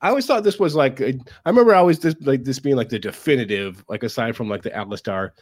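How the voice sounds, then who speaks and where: A man who sounds slightly hoarse and sick with a cough, giving halting, emphatic, sweary film reviews in casual chat. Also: mid-range voice, expressive. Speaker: podcast co-host.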